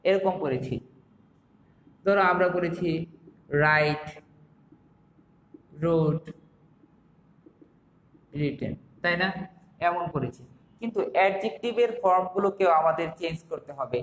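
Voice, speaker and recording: A young male English teacher with a Bangladeshi accent leads an online classroom lesson, explaining step by step and posing rhetorical questions. His voice is high for a man and quick-paced. Slight background noise and a roomy echo with long, lingering reverb fill the recording.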